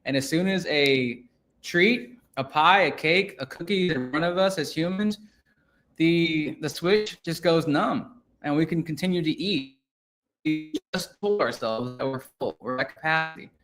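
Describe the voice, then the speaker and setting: A man's voice: fairly high pitch, a little slow, fairly bright tone. A man speaking over a video call whose audio keeps cutting out and freezing, his words stumbling and chopped up in casual chat.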